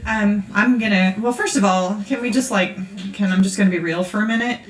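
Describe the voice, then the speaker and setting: A woman's voice: mid-range voice, fairly quick, heavy background noise. Candid woman preaching in an echoey hall. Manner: candid, chatty, many fillers. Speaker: conference speaker. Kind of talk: casual conference message. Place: church conference hall.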